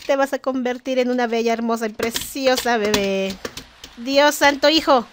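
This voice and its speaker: A woman's voice: on the high side, normal speed, noisy background. A young woman giving casual, chatty gameplay commentary, joking with and scolding the game's characters. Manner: chatty, exasperated, jokes with game characters. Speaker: gaming vlogger.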